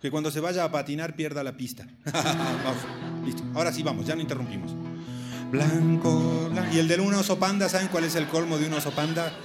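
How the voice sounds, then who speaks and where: A man's voice: a little high, fast. A man performing a live children's show, leading the audience in a singalong and telling riddle jokes, laughing along as he goes. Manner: playful, leads call-and-response, laughs at own jokes. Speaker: children's singer. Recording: live concert recording with loud guitar music.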